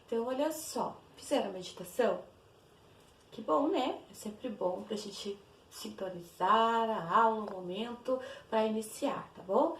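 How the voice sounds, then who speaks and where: A woman's voice: on the high side, unhurried, a little hiss or hum. A woman with a Brazilian Portuguese accent teaching an online class to young children, explaining in an affectionate, sing-song way. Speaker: primary school teacher. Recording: echoey room.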